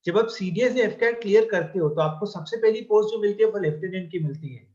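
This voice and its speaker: A male exam-coaching teacher lectures his class in a high, fast, darkish voice, blending Hindi with English and affectionately calling his students "beta." He checks in with the class often, and the recording sounds muffled.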